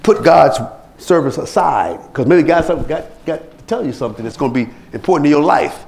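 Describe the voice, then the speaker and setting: A pastor with a gravelly voice preaches briskly, telling anecdotes in his sermon. Preachy and animated, he acts out the people he quotes, raising his pitch for them.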